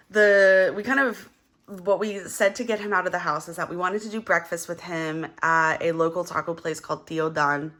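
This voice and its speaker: A young budgeting vlogger chats casually while counting money, her slightly low yet bright, forward voice a little gravelly and hoarse from having just woken up. She rambles along with plenty of fillers and counts out loud.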